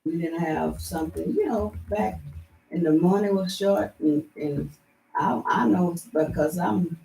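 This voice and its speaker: A woman's voice: fairly low pitch, unhurried, gravelly, mellow. An older woman, rambling through memories at a community meeting, often restarting her sentences. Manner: rambling, with frequent restarts and chuckles. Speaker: elder at a community heritage meeting. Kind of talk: casual reminiscing in a group. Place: indoor meeting room. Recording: roomy, from far off, faint background noise.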